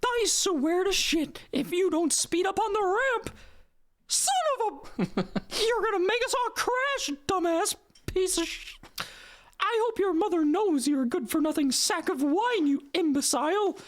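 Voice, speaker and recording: A voice actor putting on a foul-mouthed cartoon mouse with road rage, in a squeaky falsetto, ranting with exasperated sarcasm and drawn-out words. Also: lively intonation. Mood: furious ranting. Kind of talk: cartoon character parody.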